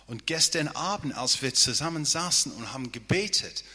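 A man's voice: mid-range voice, expressive, normal speed, sharp tone, slightly rough. A man preaching a sermon as pastor, earnest and often checking in with his listeners with a questioning "ja?". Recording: long hall reverb.

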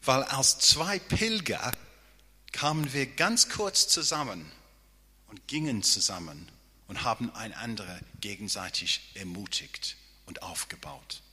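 A man's voice: on the low side, animated, measured pace, sharp tone, breathy edge. A man preaching a sermon as pastor, earnest and often checking in with his listeners with a questioning "ja?". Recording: long hall reverb.

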